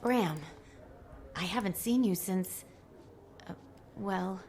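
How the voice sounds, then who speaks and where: A woman's voice: mid-range voice, slow pace, darkish tone, natural voice. An actress playing a caring, friendly female commander in a video game, sympathetic and polished. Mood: caring, curious.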